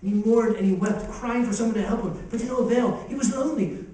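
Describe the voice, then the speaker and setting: Pastor, man, high mellow voice, impassioned sermon, distant mic in a boomy church hall. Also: fast talker. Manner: impassioned preaching with rising and falling intensity. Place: church sanctuary.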